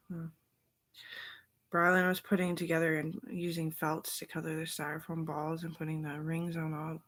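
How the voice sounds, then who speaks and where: A woman's voice: deep voice, a bit bright. A woman in a rambling casual monologue, drifting between thoughts and sometimes trailing off into whispers. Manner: meandering, loose train of thought.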